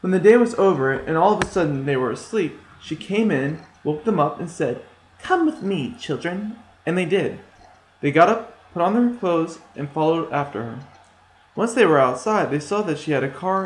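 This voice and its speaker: A man telling a fairy tale in a plain, somewhat hesitant storytelling manner. His voice sits fairly high for a man. The room has a strong echo. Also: animated, moderate pace. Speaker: storytelling student. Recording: echoey room.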